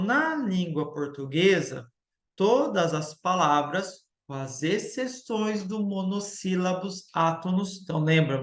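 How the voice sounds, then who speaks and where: In an echoey room, a male teacher with a high voice gives a recorded grammar lecture, explaining step by step and checking in with the class through quick tag questions.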